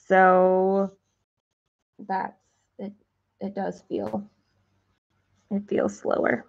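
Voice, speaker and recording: Host of a stitching livestream: a woman with a slow, gravelly voice who chats warmly with viewers; dull lo-fi sound. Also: mid-range voice, completely flat delivery. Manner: chatty, self-deprecating, talks to viewers while counting stitches. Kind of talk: casual stitching livestream chat.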